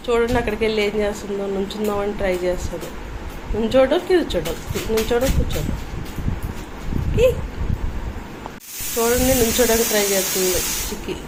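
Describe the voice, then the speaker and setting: A woman's voice: mid-range voice, fairly quick, pauses often, background noise. A woman vlogging at home, coaxing a baby in a sing-song way and narrating to her viewers. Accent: Telugu. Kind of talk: casual home vlog narration.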